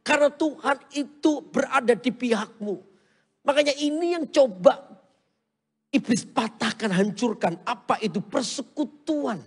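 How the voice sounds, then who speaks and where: A high-pitched man preaches a sermon with a gravelly, husky voice, acting out both sides of a story he tells. His voice rings through a church hall with a long reverb. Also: animated, measured pace. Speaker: pastor.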